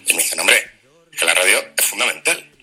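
Animated comedian, very bright voice. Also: male voice, low voice, a little fast, slightly rough, poor audio. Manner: animated storytelling, deadpan asides. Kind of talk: stand-up comedy monologue.

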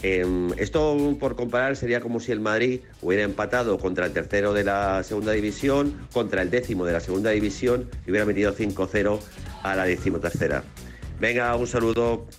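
Low-voiced male radio caller. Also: fairly quick, soft background music. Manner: methodical, comparing stats. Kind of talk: call-in comment.

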